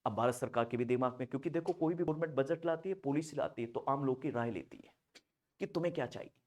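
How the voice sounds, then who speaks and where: A young man teaching nursing pharmacology in Hindi slang, joking and acting out little dialogues, often shouting. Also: medium pitch, fast. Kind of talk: animated classroom lecture.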